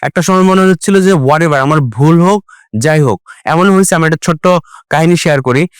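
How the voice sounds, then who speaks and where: A man hosting a casual chat, telling an animated story and mixing English words into Bengali. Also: on the high side, fairly quick, clear, resonant tone, no room sound, studio quality. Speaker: podcast host.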